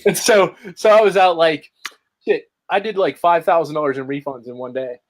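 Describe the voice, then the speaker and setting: A marketer appearing as a podcast guest tells a rambling story in casual chat over a video call, tagging his lines with "right?". His voice is on the high side, at a normal speed.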